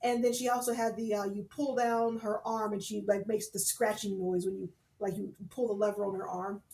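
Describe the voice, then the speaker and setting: A woman co-hosting a casual podcast chat. She talks in an animated way, with many fillers and restarts. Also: mid-range voice, moderate pace. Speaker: podcast co-host. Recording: roomy echo.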